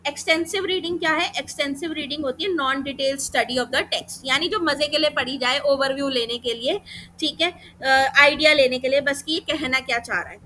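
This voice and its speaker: A woman with an Indian accent teaches an exam-prep class, walking through each step and answering her own questions as she goes. Her voice sits high and sounds bright and clear. A faint hiss runs underneath. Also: moderate pace, poor audio. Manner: explains step by step, rhetorical questions, frequent "theek hai".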